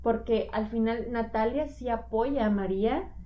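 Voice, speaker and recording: A woman on a podcast talks through her own experience with lively, storytelling energy. Her voice sits fairly high. The recording sounds muffled and lo-fi. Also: unhurried. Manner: animated storytelling, acts out quoted dialogue. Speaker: podcast co-host sharing divorce experience. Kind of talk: casual podcast conversation. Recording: dull lo-fi audio.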